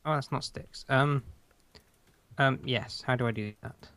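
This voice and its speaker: A man's voice: medium pitch, a little slow, fairly bright tone. A man chatting casually as he co-hosts a gaming video, playful, silly and teasing. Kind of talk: casual chat while playing Minecraft.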